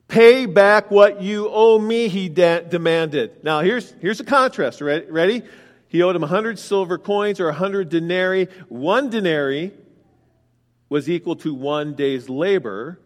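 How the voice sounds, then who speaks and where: A man preaching a sermon, explaining scripture verse by verse and asking his congregation direct questions. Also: a little high. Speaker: pastor. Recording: long hall reverb.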